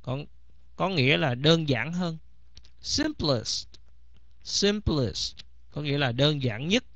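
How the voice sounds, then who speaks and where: A man's voice: on the high side, sing-song, slow pace, fairly bright tone, no echo. A man teaching English vocabulary in a bilingual lesson, repeating each word several times. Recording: slightly dull, dry recording.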